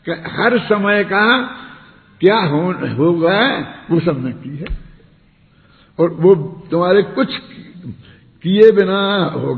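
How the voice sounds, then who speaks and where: A man giving a spiritual discourse in a conversational way, often asking his listeners rhetorical questions. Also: high-pitched. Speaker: religious teacher. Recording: tinny, echoey hall recording.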